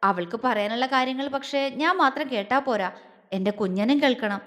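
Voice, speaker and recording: A woman voicing a grown man who is protective and tender, talking in a calm, serious, reassuring way. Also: high-pitched, normal speed, big-room sound.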